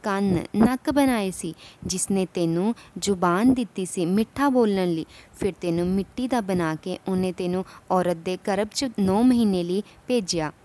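A woman voicing a gentle, wise male saint who teaches in a calm, instructive way in a devotional story. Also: sits high, measured pace. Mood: admonishing.

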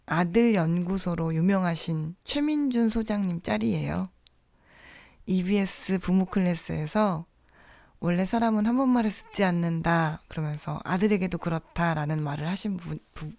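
Soft-spoken woman podcast host. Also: on the low side, vocal fry, dry recording. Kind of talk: scripted podcast monologue.

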